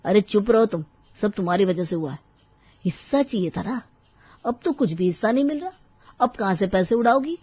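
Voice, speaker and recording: A woman's voice: fairly low pitch, brisk, breathy edge, no echo. A woman voicing a worried, grumbling young husband who runs a tea stall in a cartoon, scolding his wife. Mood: angry. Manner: scolding, complaining. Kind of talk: cartoon voice acting. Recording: dull dry studio voice-over.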